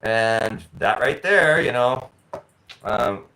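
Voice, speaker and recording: A man's voice: medium pitch, takes it slowly, vocal fry, slight background noise, low-quality recording. A man vlogging in a casual storytelling monologue, rambling with restarts and acting out both sides of conversations. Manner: animated, acts out both sides of conversations with voices. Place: living abroad in a tropical city.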